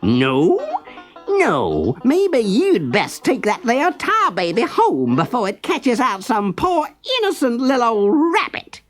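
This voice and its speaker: A cocky male rabbit trickster from a storybook, squealing far above the narrator's own voice. He drags his words out slowly and swoops wildly from one note to the next, with music playing softly behind. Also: wildly swooping pitch, heavily acted. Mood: smug. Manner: very high, drawling, mock-pleading.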